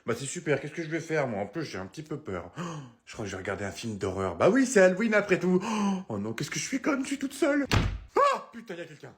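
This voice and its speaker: A man voicing a flustered, chatty middle-aged mother in a comedy sketch, shrill and rambling. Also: sing-song, quick pace.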